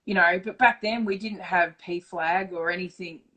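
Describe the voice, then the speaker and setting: A middle-aged Australian woman talking openly in a relaxed interview. She is blunt and swears freely, and her delivery turns animated when she re-enacts conversations. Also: lowish voice, moderate pace, rough recording. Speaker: interview guest. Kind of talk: casual storytelling interview.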